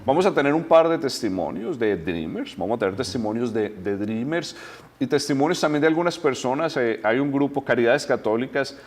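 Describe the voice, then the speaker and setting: A man's voice: medium pitch, expressive, a little fast. A man, a church delegate on a TV interview, explaining at length with many "eh" fillers and repeated words. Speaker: diocesan delegate, guest. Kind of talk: conversational TV interview.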